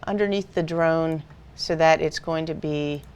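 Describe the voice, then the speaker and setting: A woman with a lower-pitched voice walks through a software tutorial one step at a time. She explains patiently and plainly, like a teacher guiding a class. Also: steady tone, unhurried, smooth, highs cut off. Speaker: video editing instructor. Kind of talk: screen-recorded software tutorial.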